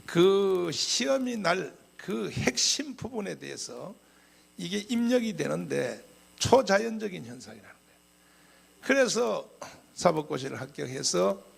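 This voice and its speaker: A male pastor delivering a sermon as an animated story, often clearing his throat. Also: high voice.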